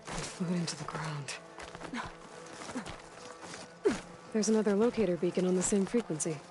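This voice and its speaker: Actress as Aloy, low-voiced earnest young huntress. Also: female voice, quick pace, background noise, close to an everyday voice. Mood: focused. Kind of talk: video game character acting.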